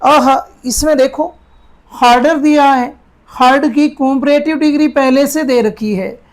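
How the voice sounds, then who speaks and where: A man's voice: extremely high pitch, fairly even intonation. A man teaching an English grammar class, explaining step by step, calling his students "beta" and often checking whether they understood. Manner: explains step by step, slowly repeating sentences word by word; calls students "beta", asks checking questions.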